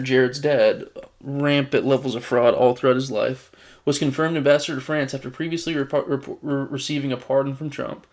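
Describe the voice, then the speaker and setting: A man giving casual political commentary, reading news items aloud and reacting with exasperated sarcasm, often restarting his sentences. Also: mid-range voice.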